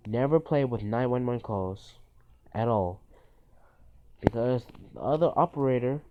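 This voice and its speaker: A man earnestly giving advice, repeating his warnings with halting restarts. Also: medium pitch, animated. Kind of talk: casual advice talk to camera. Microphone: phone screen recorder. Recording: dull lo-fi phone recording.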